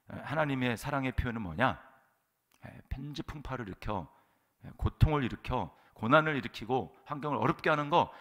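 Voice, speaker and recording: A man's voice: mid-range voice, sharp tone. A man preaching a sermon as a pastor, emphatic, asking the congregation rhetorical questions and often saying "yes" between points. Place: church.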